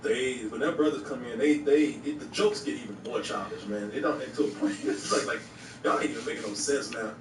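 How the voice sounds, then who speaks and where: A man's voice: medium pitch, brisk, noisy background. A man from Louisiana hosting a casual movie commentary, rambling and laughing with lots of slang. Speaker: host. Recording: echoey room, far from the mic. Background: TV audio.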